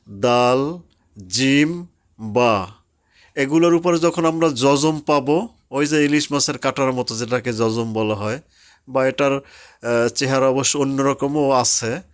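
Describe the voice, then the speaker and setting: A man teaching Quran recitation rules patiently, drawing out the example words slowly. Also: medium pitch. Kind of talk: slow explanatory tajweed lesson.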